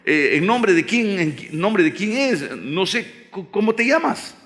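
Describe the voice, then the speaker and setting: A man's voice: big pitch swings, normal speed, a bit bright, full character voice. Man doing an anxious, pleading Moses. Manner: anxious, questioning, raised pitch. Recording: long hall reverb.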